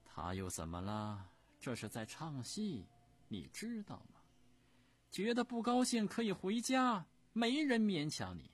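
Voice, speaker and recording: A man voicing an imperious old Empress Dowager who scolds in a shrill, commanding voice. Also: sing-song, unhurried, heavily acted. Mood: angry.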